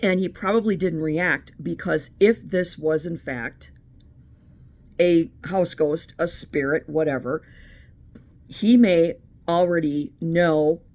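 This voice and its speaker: Low-voiced chatty woman host. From United States. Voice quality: meandering, with frequent restarts. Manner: chatty, opinionated. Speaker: channel host. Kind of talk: casual monologue.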